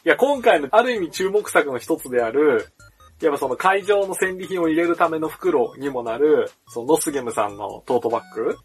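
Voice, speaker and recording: Husky man laughing through casual chat. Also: fairly high pitch, animated, brisk. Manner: laughs often, teasing retorts. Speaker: podcast host. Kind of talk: casual chat over a video call. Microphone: video call. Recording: video call with music behind.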